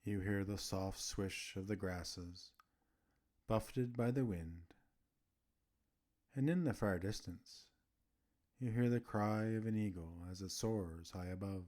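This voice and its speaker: With a lowish voice, a man narrates a guided relaxation script for meditation, his tone soothing and his phrases separated by gentle pauses.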